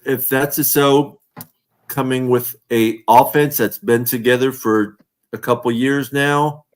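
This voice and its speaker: A man hosting a casual sports fan livestream over a video call, rambling and a little slurred after a few drinks. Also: mid-range voice. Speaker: podcast host.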